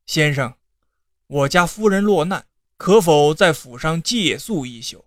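A storyteller voicing a scheming old male secretary who pleads and persuades in a lowered, tearful voice. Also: lively intonation, a little slow, dry recording, clean studio sound, natural voice. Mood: pleading. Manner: persuasive, tearful, sudden outbursts. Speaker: con man posing as secretary.

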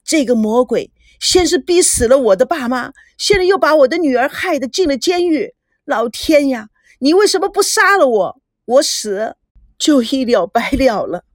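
A woman voicing a hysterical, wronged middle-aged wife and mother who wails shrill accusations, in a dry close recording. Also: animated, normal speed, no echo. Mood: wailing.

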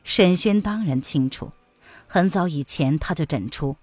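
A woman narrating a martial-arts novel in an expressive storytelling manner. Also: low voice, a little slow, breathy edge, no echo, faint music behind.

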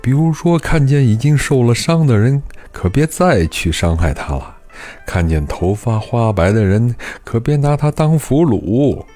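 A male storyteller voicing an old, stubborn, self-righteous duke who lectures and scolds in a lively, rising voice. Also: mid-range voice, measured pace, faint music behind. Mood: lecturing.

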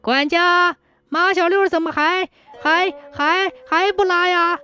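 A storyteller voicing a smug, excitable old rich landlord from a folk tale, who stammers when he shouts. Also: medium pitch, normal speed, highs cut off, faint music behind, lightly acted. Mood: frantic.

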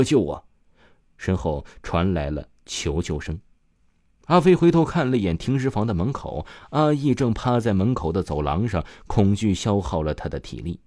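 Man, horror story narrator, very deep, lively pitch, dark tone, dry close sound. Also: no room sound.

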